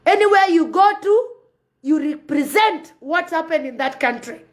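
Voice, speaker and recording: A woman's voice: very high voice, lively intonation, moderate pace. A woman from Sudan, giving passionate, preachy commentary on a live phone video and repeating her points. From South Sudan. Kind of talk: impassioned live-stream commentary.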